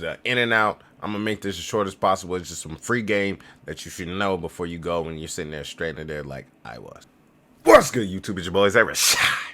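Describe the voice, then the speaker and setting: A man's voice: sits low, pushed and bright. A young man giving casual travel tips in a vlog, talking in slang and acting out other people's lines. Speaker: travel vlogger.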